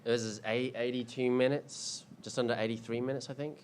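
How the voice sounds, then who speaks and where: At an indoor screening event, a filmmaker in his thirties answers audience questions in a casual panel Q&A, rambling with lots of ums and restarts. His medium-pitched, a little mellow voice keeps fairly even intonation and moves a little fast, with slight background noise.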